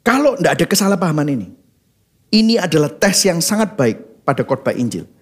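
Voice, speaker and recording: A man preaching a sermon as pastor, animated, leading the congregation in reading and dropping in English phrases. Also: on the high side, fairly quick, slightly rough. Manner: mimics congregants' reactions in quoted asides.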